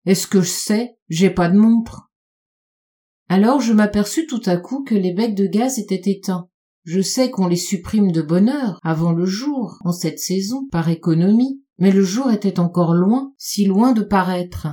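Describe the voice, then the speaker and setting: A woman reading a classic short story aloud as an audiobook, measured and unhurried, slowing and dropping her voice on dark repeated phrases. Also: medium pitch, animated. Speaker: audiobook reader. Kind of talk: literary audiobook narration.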